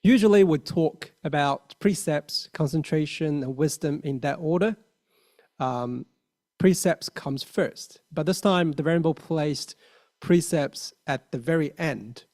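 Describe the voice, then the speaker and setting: A man's voice: a little high, a little slow, darkish tone. A man in his thirties from China with a Mandarin accent, giving an earnest dharma talk with many fillers and restarts. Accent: Mandarin Chinese. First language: Mandarin Chinese. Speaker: lay Buddhist speaker.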